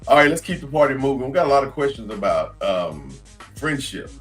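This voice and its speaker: A man's voice: mid-range voice, a little fast, faint music behind. A man hosting a live podcast, talking casually and reading out viewer comments. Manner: relaxed, conversational, reads out comments. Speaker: podcast host. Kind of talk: casual live-stream talk.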